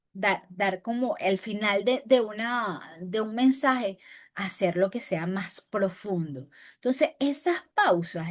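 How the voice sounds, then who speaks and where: A woman teacher with a Venezuelan accent, giving a lively classroom lecture on handling pressure, often asking rhetorical questions and swinging between loud and soft. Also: on the high side. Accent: Venezuelan Spanish. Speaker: teacher of spokesperson training.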